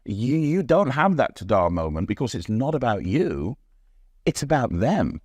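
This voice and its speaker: Man, co-presenter, low but very lively pitch, enthusiastic, dry close sound. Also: moderate pace, breathy edge, no room sound. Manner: enthusiastic, animated reactions. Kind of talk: casual chat. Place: London studio.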